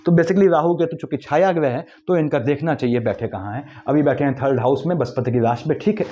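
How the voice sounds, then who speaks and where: A man giving a quick, lecturing astrology forecast, weaving English terms into his explanations. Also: fairly high pitch, mellow, dull audio, slight background noise. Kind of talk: monthly horoscope talk.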